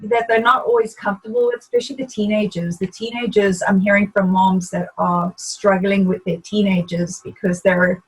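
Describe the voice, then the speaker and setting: A woman hosting a conversational interview, speaking in a halting way with frequent pauses and fillers. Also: medium pitch, fairly even intonation, breathy edge, rough recording. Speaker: host. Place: video call.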